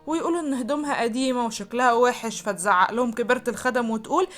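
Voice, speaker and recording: A woman with an Egyptian accent narrating a drama recap in a brisk, running storytelling manner. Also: on the high side, a bit bright, faint music behind. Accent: Egyptian Arabic.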